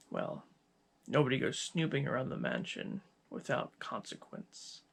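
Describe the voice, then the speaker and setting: In an ASMR roleplay, a man voices a cold, gloating scientist villain, using deliberate, menacing pauses. His gravelly, husky voice sits at medium pitch and stays fully in character.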